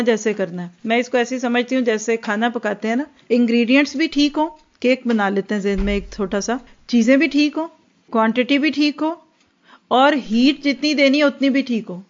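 Brief: female religious teacher, earnest lecture, slightly high voice, dull lo-fi sound. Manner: earnest, acts out mothers and children in quoted asides. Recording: dull lo-fi recording.

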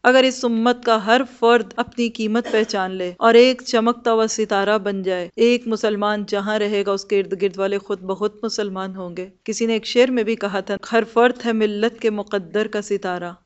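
A woman's voice: mid-range voice, steady tone, moderate pace, hardly any pauses, clear, resonant tone, lo-fi sound. A woman giving a Quran commentary lesson, earnest and explanatory, asking rhetorical questions. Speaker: religious teacher.

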